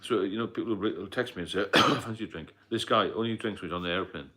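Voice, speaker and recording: Deep-voiced British man on a livestream. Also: fast, pushed and bright. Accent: British English. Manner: rambling, repetitive, frequent fillers and coughs. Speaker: livestream host, sobriety mentor. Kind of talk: casual live stream talk.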